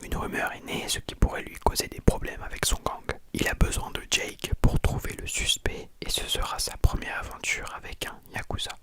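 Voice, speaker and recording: A person speaking in a hushed, breathy library whisper, telling and reviewing a book informally for ASMR. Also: moderate pace, few pauses. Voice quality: soft, breathy unvoiced whisper. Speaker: ASMR content creator.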